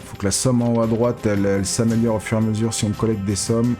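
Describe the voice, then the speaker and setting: A man giving excitable, casual live commentary as a casino streamer, pleading with the reels and swearing. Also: on the low side, fast talker, faint music behind.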